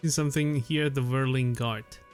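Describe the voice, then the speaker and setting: A man's voice: mid-range voice, steady tone, normal speed, faint music behind. Dude streaming a game, joking around, reading his lines out, cursing a bit. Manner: joking, profane, reads choices aloud. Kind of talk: casual gaming stream commentary.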